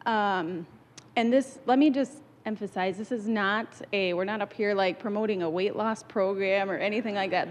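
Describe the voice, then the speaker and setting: A woman, the pastor's wife, speaking earnestly and a little hesitantly to a congregation. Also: mid-range voice. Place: church hall. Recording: long hall reverb.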